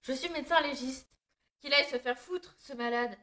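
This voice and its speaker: A man voicing a young female doctor in an audio drama, in a high falsetto that turns from shy to outraged. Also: normal speed, bright, forceful tone. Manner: high falsetto, shaky and curt. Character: young woman doctor, flustered then furious.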